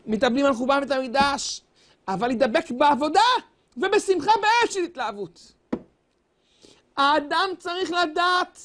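A man delivering a sermon, preaching in a fervent sing-song cadence with long, drawn-out wails. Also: very high-pitched, a bit bright.

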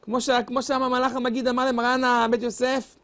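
A man gives a fervent sermon in a high-pitched voice. His delivery rises and falls in a sing-song preaching cadence. He stretches some phrases into long, wailing cries. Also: little pitch movement, fairly bright tone.

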